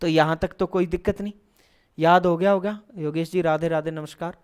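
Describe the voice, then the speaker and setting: A male teacher with a smooth, clear voice leads an online class. He poses questions and answers them himself, then chants syllables one after another in an even rhythm. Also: a little high, fairly quick. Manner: explains step by step, asking and then answering his own questions. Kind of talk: online lesson.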